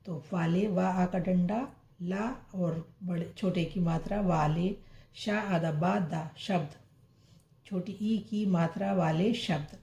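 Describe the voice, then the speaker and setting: Woman teaching letters slow and steady, mellow voice, echoey room. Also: mid-range voice. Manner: spells out letters slowly and repeats each word. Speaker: Urdu and Hindi reading teacher. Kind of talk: step-by-step reading lesson.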